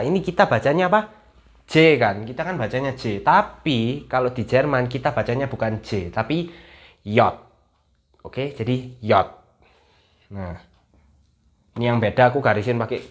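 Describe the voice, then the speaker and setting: Chatty young man teaching letters. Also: medium pitch. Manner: chatty, repeats letters slowly to drill them. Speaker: language teacher. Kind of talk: casual video lesson.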